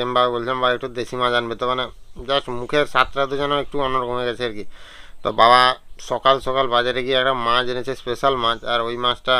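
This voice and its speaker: A young man vlogging casually at home, sick with a cold and a sore throat, chatting with fillers and clearing his throat. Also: mid-range voice, bright, forceful tone, dry recording. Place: at home and outdoors in the yard. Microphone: handheld camera on a stand.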